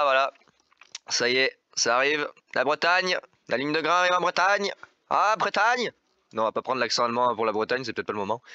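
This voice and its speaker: A man giving a casual weather vlog, talking over forecast maps in an excitable, dramatic and blunt way. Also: mid-range voice, no room sound. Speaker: weather vlogger.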